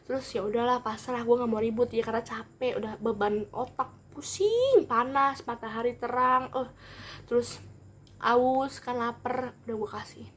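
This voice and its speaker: A woman's voice: a little high, moderate pace, a little hiss or hum. Chatty young woman with slang. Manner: animated, rambling, acts out every quote. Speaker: vlogger. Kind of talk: casual storytime vlog.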